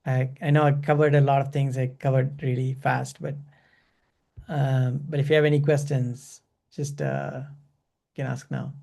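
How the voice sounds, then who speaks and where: A man's voice: mid-range voice, little pitch movement, a little slow, vocal fry, warm tone. A man teaching a class over a video call, talking loosely with many fillers and restarts. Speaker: instructor. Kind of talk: online class lecture.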